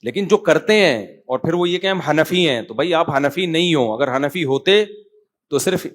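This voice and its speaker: A man's voice: on the high side, animated, a bit bright. A middle-aged man with a Pakistani Urdu accent answers written questions from his congregation. He sounds tired but keeps a lecturing, conversational sermon manner and often calls his listeners brother. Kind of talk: sermon Q&A, reading questions aloud.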